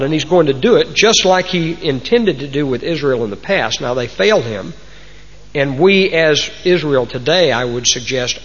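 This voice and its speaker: Fairly high in pitch with a breathy edge, a man with a Texan accent gives a folksy, homespun sermon to a congregation, fond of old sayings. It's a muffled recording from a large, reverberant hall.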